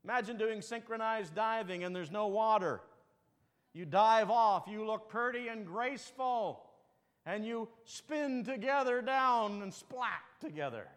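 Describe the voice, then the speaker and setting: A male pastor preaches a sermon in a high, unhurried voice with a fairly bright tone, spinning folksy stories and jokes full of rambling asides. The recording carries the long reverb of a large hall.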